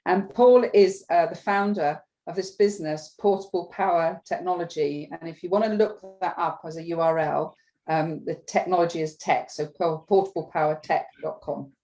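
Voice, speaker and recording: A woman hosts a live business chat in a fairly low, mellow voice. She sounds eager and enthusiastic, pausing often with ums as she builds her thoughts. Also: low-quality recording. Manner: enthusiastic, hesitant with many ums. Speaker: host.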